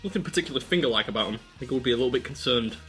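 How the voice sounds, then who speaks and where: A man's voice: medium pitch, expressive, very fast, pushed and bright, faint music behind. An English man hosting a food challenge video in a chatty, self-mocking style with wry asides. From England. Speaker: competitive eating video host. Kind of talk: casual vlog narration.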